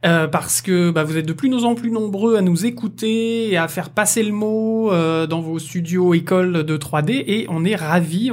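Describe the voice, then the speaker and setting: A man's voice: high-pitched, a little mellow. Chatty man hosting a podcast. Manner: chatty, many fillers and restarts, jokey. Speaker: podcast host. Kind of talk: casual podcast interview.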